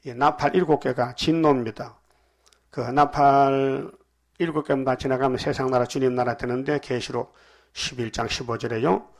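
Gravelly man preaching a sermon. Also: mid-range voice, steady tone, moderate pace. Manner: preaches with rising emphatic bursts and many "어" fillers. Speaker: pastor.

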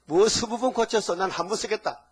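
Older preacher with a husky voice. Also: male voice, sits high, fairly quick. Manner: animated preaching with rhetorical questions. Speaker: pastor. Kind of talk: sermon.

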